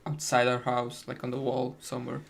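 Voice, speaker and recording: A man's voice: mid-range voice, completely flat delivery, fairly quick, vocal fry. A man co-hosting a podcast from home, talking casually over a voice call in a laid-back way, swearing and restarting his sentences. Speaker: podcast co-host.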